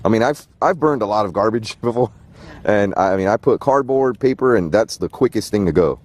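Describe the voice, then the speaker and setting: A man's voice: fairly low pitch, animated, brisk, darkish tone. A man in his thirties hosting a casual night vlog outdoors on a handheld camera. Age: 30s. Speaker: host. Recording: faint outdoor background noise.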